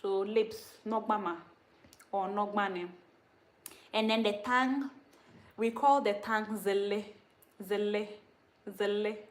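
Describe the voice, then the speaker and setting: A woman's voice: medium pitch, reverberant. Chatty woman teaching words. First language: Dagaare. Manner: chatty, self-teasing, repeats words slowly, laughs often. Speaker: language teacher on a livestream. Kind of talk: casual spoken language lesson.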